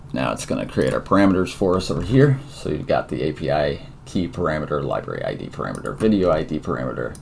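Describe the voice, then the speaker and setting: A man's voice: rumbling low, creaky, a little mellow, slight background noise. A tired man thinking aloud with many fillers as he walks through a coding tutorial, a yawn never far off. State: tired and yawning. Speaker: tutorial presenter. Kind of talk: casual screen-recorded coding tutorial.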